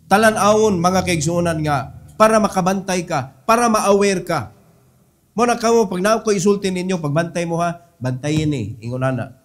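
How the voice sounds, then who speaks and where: A middle-aged man with a Cebuano accent preaching a sermon as pastor, mixing in English and swinging between loud exhortation and soft low asides. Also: normal speed.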